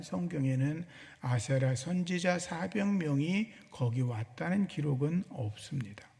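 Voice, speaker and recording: Middle-aged male pastor, dramatic sermon storyteller, high, gravelly voice, church hall reverb. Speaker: senior pastor. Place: church sanctuary.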